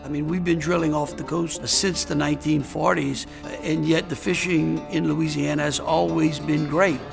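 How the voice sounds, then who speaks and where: A man with a strongly gravelly, creaking voice pitched a bit high. He explains in documentary interview style. Music is plainly heard behind him. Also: steady tone, normal speed.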